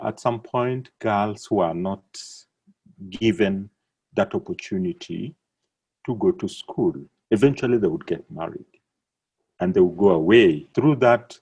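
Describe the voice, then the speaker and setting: A man from Kenya, a church council worker, explaining things in measured interview answers. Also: lowish voice, darkish tone, husky, highs cut off.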